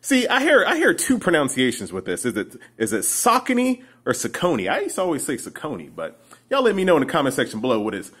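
A man's voice: medium pitch, quick pace, breathy edge. A man talking casually and playfully to the camera in his home vlog, speaking slangy and straight to viewers. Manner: playful, animated, slangy, addresses viewers directly. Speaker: vlogger.

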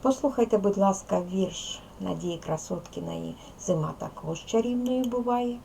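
A woman's voice: mid-range voice, normal speed, creaky, mellow, a little hiss or hum, rough recording. A woman with a Ukrainian accent teaching young children in a recorded video lesson, patient and speaking to them directly. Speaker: primary school teacher.

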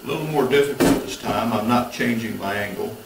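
A man in his thirties, speaking a little fast with vocal fry in a mid-range voice, explains how to do a woodworking build one step at a time. His tone is practical, instructive and matter-of-fact, and the distant mic picks up the roomy garage workshop and its tool noise.

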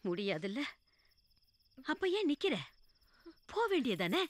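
A woman's voice: medium pitch, sing-song, unhurried, slight background noise. An actress playing an elderly grandmother who urges and protects her granddaughter in a film. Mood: urging, protective. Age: older. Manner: urging, tender yet commanding. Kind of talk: film dialogue. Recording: film soundtrack with loud music.

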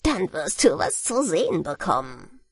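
A crafty old merman from a storybook speaks at a leisurely pace, voiced by a woman reading aloud. His soft, breathy tone rises and falls in a lively way. He sounds sly and warmly coaxing. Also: on the low side, unhurried, dry recording, clean studio sound, exaggerated voice. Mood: sly, hearty. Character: old male merman, sly, hearty, fond of brandy.

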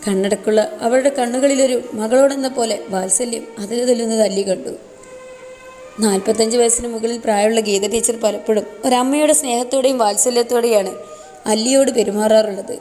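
A woman narrating a serialized love story in a soft, expressive storytelling manner. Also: on the high side, fairly quick. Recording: long reverb, faint music. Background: faint background music.

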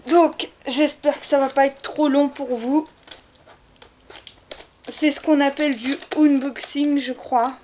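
A woman's voice: high voice, steady tone, slow, pauses often, darkish tone, slight background noise. Chatty woman vlogger, dull lo-fi sound. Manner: chatty, many fillers like "voilà" and "euh". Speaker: author unboxing her own book. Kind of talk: casual vlog chat.

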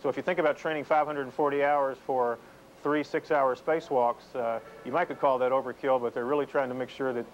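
A middle-aged man reporting live as a space correspondent, explaining things in a measured way. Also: mid-range voice, fairly even intonation. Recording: dull, noisy VHS TV broadcast.

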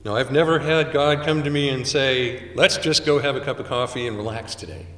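An older man delivers a sermon in a measured, unhurried way, pausing for weight between phrases. His voice sits at an ordinary middle pitch. It is picked up from some distance, with the long, roomy ring of a chapel around it. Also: fairly bright tone. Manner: measured preaching with dramatic pauses. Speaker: chaplain. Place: small chapel, indoors. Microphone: stand mic at pulpit, far camera. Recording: roomy chapel echo from far off.

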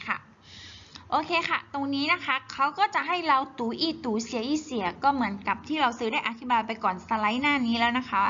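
A woman teaching Chinese in a slow, patient worksheet walkthrough, repeating each syllable clearly. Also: high-pitched, animated, sharp tone. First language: Thai. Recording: slightly dull, faint hiss.

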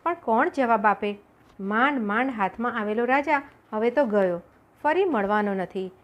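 Expressive woman reading a folk tale. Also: on the high side, normal speed. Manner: expressive storytelling, voices characters. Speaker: audiobook narrator.

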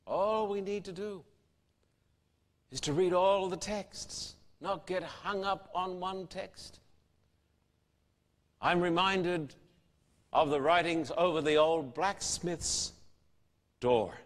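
A man's voice: high-pitched, slow pace, pauses often. A man preaching a sermon, emphatic and fond of rhetorical questions. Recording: long hall reverb.

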